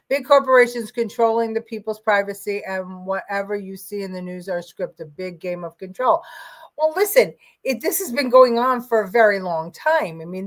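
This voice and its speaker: An American woman hosting a casual political livestream, thinking aloud haltingly and stretching words for emphasis as she answers chat. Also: mid-range voice. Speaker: livestream host.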